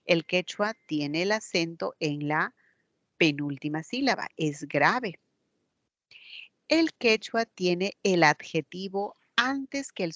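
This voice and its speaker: Slow, patient Peruvian woman teacher. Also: on the low side, fairly bright tone, dry recording, muffled recording. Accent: Peruvian Spanish. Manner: patient, explains step by step with examples. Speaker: language teacher. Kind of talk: recorded online class lecture.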